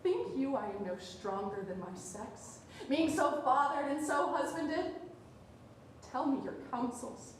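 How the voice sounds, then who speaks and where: A woman's voice: sits high, expressive, measured pace. A young woman playing Brutus's wife on stage, speaking insistently, recorded from a distance in a very echoey theatre. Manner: insistent, resolute. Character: Portia, Brutus's resolute wife. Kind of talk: stage Shakespeare acting. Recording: distant mic, very echoey theatre, faint noise.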